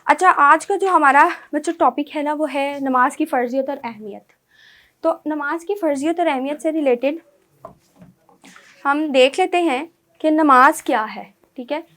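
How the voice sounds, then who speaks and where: A woman's voice: sits high, moderate pace, fairly bright tone. A woman teacher, giving an online lecture to schoolchildren, explaining step by step and often checking with "right?".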